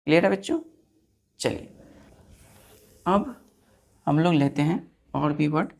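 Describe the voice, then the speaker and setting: A woman's voice: deep voice, very animated, slow, gravelly, darkish tone. A woman teaching grammar to students, spelling words out letter by letter, repeating each answer and checking that they follow. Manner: keeps checking if students understood.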